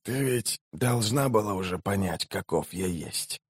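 A man voicing a dying male mage who speaks quietly, slowly and with a wheeze. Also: fairly low pitch, lively intonation, slightly rough, dry recording, studio quality. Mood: weak, sly.

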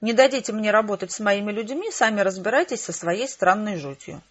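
A woman's voice: medium pitch, brisk, dull audio, natural voice. A woman reading the lines of a blunt, no-nonsense male specialist in strange cases. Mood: curt. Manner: curt, no-nonsense.

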